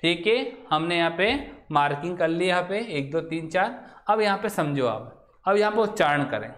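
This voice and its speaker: A man's voice: a little high, expressive, fairly bright tone. Questioning male Hindi teacher, echoey room. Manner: asks the class questions and answers them himself, drawn-out key words. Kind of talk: classroom lecture.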